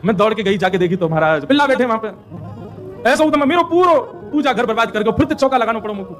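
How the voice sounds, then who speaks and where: A man's voice: high voice, expressive, fast, a bit bright, soft background music. Man doing an indignant village milkmaid. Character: complaining village milkmaid, aggrieved woman.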